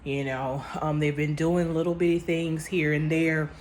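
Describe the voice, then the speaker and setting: With slight background noise behind her, a woman speaks at a measured pace in a low, level, darkish voice. She's a vlogger addressing viewers with casual, emphatic commentary, restarting phrases and loosening her grammar.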